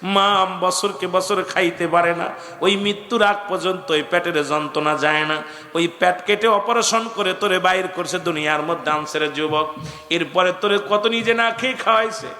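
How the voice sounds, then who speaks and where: High, bright-voiced preacher in a booming hall. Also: male voice, normal speed. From Bangladesh. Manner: shouts, chants in a sing-song way, and calls on the crowd to answer back. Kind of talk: fiery religious sermon.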